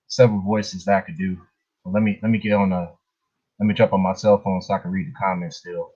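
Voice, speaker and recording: Low, a little mellow and slightly rough, this man's voice carries a casual live chat with his viewers, punctuated by chuckles. The stream audio is muffled, dull and lo-fi.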